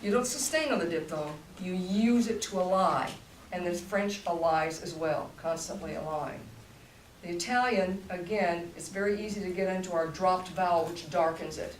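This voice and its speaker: Here an older voice teacher, a woman with a fairly low pitch and moderate pace, explains technique in a demonstrative, coaching fashion, talking in bursts. It's a voice masterclass talk, heard distantly in a roomy space over a faint hum.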